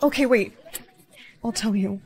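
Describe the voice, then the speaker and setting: An actress playing Maya, a tough and defiant spy, in a short drama skit. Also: female voice, fairly high pitch, a little slow. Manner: defiant, sharp-tongued.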